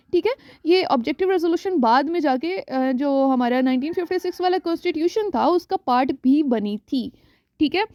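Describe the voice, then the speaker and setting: High-voiced Pakistani woman teaching exam revision. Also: a little mellow, dry recording. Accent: Pakistani Urdu. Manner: reads English questions slowly, then explains in Urdu, repeating "theek hai".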